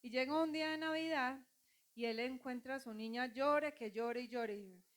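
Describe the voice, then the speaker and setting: High-voiced woman pastor preaching. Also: moderate pace, a bit bright. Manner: preaching with call-and-response, acting out quoted voices. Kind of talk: sermon.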